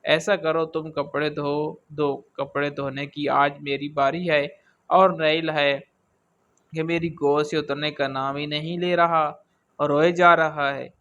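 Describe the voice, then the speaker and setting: A man's voice: on the high side, little pitch movement, pushed and bright, dull audio. A man voicing a domineering young woman, a scheming sister-in-law in a storybook reading. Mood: bossy. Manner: domineering, scolding.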